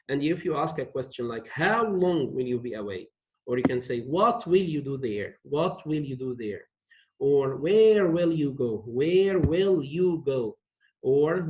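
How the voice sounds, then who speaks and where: A male English teacher slowly explaining a textbook lesson, repeating key phrases for his students. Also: fairly high pitch, a little mellow, poor audio. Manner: slow, repeats phrases for learners.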